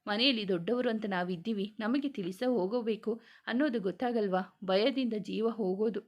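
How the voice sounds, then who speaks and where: A woman's voice: mid-range voice, moderate pace, lightly acted. Give me a woman playing an aggrieved elderly matriarch in a read-aloud story. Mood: reproachful. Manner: reproachful, hurt. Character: aggrieved elderly mother-in-law, family elder.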